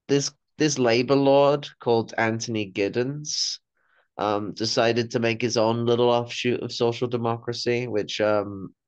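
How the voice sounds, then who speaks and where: A young man, a panel participant on a video call from a room at home, delivers blunt, sweary political commentary in a casual way. His mid-range voice is smooth and a little slow, with fairly even intonation, and the recording is dry.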